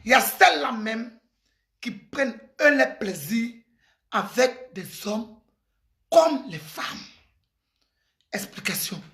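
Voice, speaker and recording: A woman's voice: fairly high pitch, big pitch swings, slow pace, long pauses, fairly bright tone. A middle-aged woman, delivering an impassioned, preachy advice monologue straight to the listener. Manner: emphatic and preachy, with exclamations and address to the listener. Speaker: commentator giving advice. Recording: echoey room.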